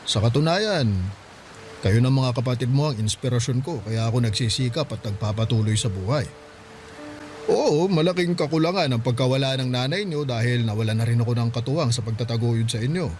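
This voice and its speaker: Faint music plays behind a brisk, mid-range, darkish male voice. An actor in a radio drama gives a natural read as a gentle, hardworking widowed father in his mid-forties, speaking tenderly and reassuringly.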